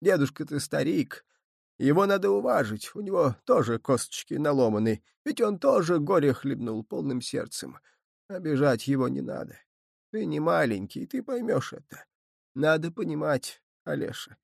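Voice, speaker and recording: A man voicing a kind old grandmother who speaks in a soft, hushed, soothing voice, in an audiobook reading. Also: mid-range voice, very animated, moderate pace, gravelly, breathy edge, dry recording, clean studio sound, full character voice. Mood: tender.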